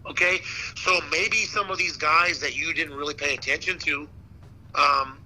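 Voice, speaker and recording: Bright, slangy man chatting casually. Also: fairly high pitch, moderate pace, poor audio. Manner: slangy, animated storytelling with repeated "man" and "dude". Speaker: boxing ring announcer, interview guest. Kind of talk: casual chat.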